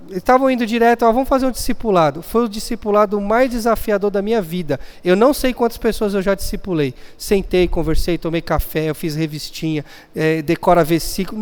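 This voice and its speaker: Male pastor, high and clear voice, storytelling sermon, long church reverb. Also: a little mellow. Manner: storytelling, acting out family scenes. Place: church hall.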